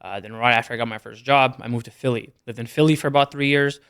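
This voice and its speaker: A young Canadian man, a guest on a podcast, runs through his business numbers in a casual interview, talking fast and matter-of-factly. His mid-pitched voice holds a steady tone with some vocal fry, and it sounds clear, resonant, and slightly bright.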